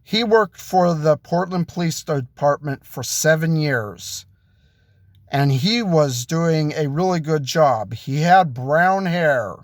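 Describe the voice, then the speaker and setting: A man telling an improvised story in a halting way, with restarts and self-corrections. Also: a little high, dry recording, studio quality. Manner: slow, halting delivery with restarts.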